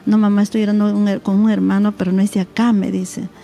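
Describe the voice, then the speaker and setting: Mellow-voiced Peruvian mother telling her story. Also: mid-range voice, level tone, fast talker, creaky. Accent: Peruvian Spanish. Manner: storytelling, acting out remembered dialogue. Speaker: interviewed mother. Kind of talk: personal testimony on a church talk show.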